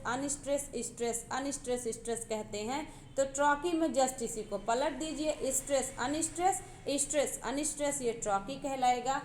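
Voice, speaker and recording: A woman's voice: high voice, echoey room, slight background noise. A woman teacher giving an exam-prep literature lecture, explaining step by step and repeating key terms.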